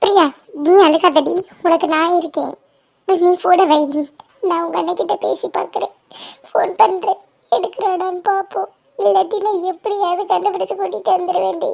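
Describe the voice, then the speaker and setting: A woman's voice: extremely high pitch, steady tone, moderate pace, gravelly, darkish tone, dry recording. A woman voicing a young woman in a cartoon who worries over her boyfriend and comforts her friend. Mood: soothing. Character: young woman in love, anxious and caring. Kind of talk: cartoon voice acting.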